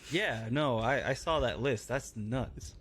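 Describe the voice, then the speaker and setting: A man's voice: medium pitch, slow, a bit bright, a little hiss or hum. Easygoing man in his thirties, podcast guest. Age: 30s. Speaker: podcast guest, professional fighter. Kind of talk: casual chat.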